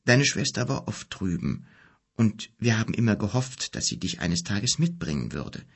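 A man reading an audiobook, voicing a grave, gentle bearded wizard in a solemn, hushed, unhurried way. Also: fairly low pitch, very animated, vocal fry, breathy edge, full character voice. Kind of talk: audiobook character voice.

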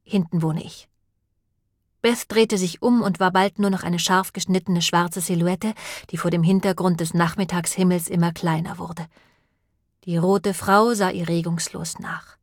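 A woman narrating an audiobook in an even, measured way. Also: lowish voice, dry recording, studio quality. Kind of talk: scripted narration.

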